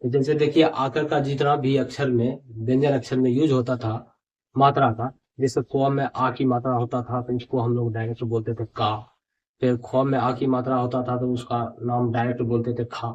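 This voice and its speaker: A man teaching at a board, reading each word aloud twice in a drawn-out, emphatic way. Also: mid-range voice, level tone, a little mellow. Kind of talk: board lesson, reading words aloud slowly. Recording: dull lo-fi audio.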